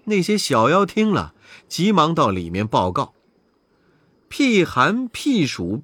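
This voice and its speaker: A man tells a children's legend in an expressive, dramatic way. He paces it slowly, with lively rises and falls in pitch. The recording is close and dry. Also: no echo. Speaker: storyteller. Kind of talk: children's story narration.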